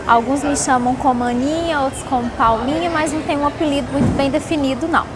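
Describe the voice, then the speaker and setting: This interviewee, a company worker from Salvador, Bahia, talks fast in a high-pitched voice with fairly even intonation. She answers questions through casual personal anecdotes while traffic noise fills the background.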